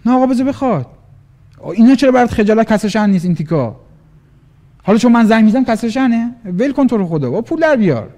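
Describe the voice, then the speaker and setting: A man giving an animated motivational business talk, acting out little dialogues in different voices. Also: very high-pitched. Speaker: business trainer.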